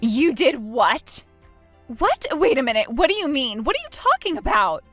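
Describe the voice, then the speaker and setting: A woman's voice: high voice, wildly swooping pitch, brisk, a bit bright, dry recording, soft background music, voice pushed up, exaggerated voice. A woman voicing an entitled young woman who whines and protests in rising outbursts, in a read-aloud text story. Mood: indignant.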